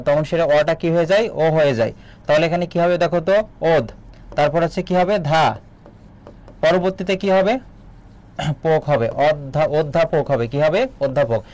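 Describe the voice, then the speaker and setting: Young man, online tutor, live exam-prep class, quizzing viewers, slightly high voice. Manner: quizzing viewers, reading out comments. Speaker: admission coaching teacher.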